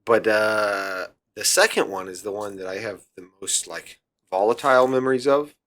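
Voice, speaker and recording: Deep-voiced male podcast co-host, halting and casual. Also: a bit bright. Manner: halting, full of restarts and fillers. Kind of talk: casual chat.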